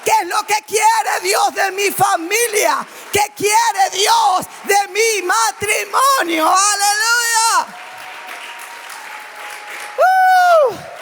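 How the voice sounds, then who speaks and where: A woman pastor preaching a sermon, calling out loud and then dropping suddenly to quiet asides. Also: extremely high pitch, slow, few pauses, big-room sound, faint music behind, some chatter behind. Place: church.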